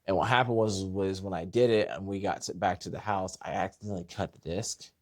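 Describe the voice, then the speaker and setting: A man co-hosting a podcast, telling a story in a rambling, animated way with many restarts and voiced impressions. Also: sits low, brisk, dry recording, studio quality. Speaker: podcast co-host. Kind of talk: casual storytelling chat.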